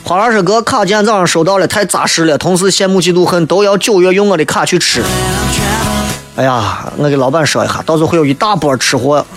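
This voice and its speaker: High voiced guy w shaanxi accent, 30s, joking radio host reading messages, music behind him. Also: quick pace. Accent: Shaanxi (Xi'an) Chinese. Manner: joking, mock-exasperated. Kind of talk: humorous radio chat, reading listener messages.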